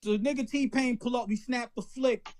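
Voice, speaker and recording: A man co-hosting a podcast, telling an anecdote in an animated, profane, casual way. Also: very high voice, moderate pace. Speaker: podcast co-host. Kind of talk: casual storytelling chat.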